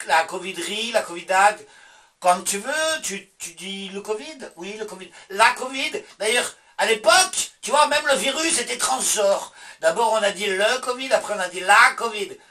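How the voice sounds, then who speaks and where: A man's voice: sits high, sharp tone, far from the mic, slight background noise. A man with a Belgian French accent doing a sarcastic, swearing monologue vlog, answering himself in asides. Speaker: vlogger. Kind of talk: casual ranting monologue.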